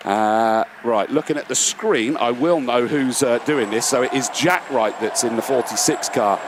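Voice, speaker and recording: Excitable race commentator, breathless. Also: male voice, medium pitch, moderate pace, background noise. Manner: chatty, excitable, frequent fillers. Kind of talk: live motorsport commentary. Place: commentary box at a race circuit.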